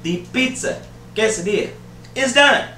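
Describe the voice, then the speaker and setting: Here the home cooking host, a man in his thirties, has a very high, expressive voice with a sharp tone and a measured pace. Joking around, he calls his viewers baby and buddy. The camera mic sits a few feet away in a roomy kitchen, with music and slight background noise.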